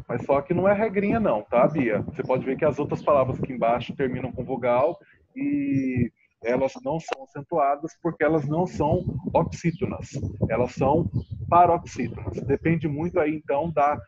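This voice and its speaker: A man's voice: on the high side, darkish tone. A man teaching a class online, patient and stretching out words as he explains, often checking in with the students. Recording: muffled lo-fi audio, faint noise.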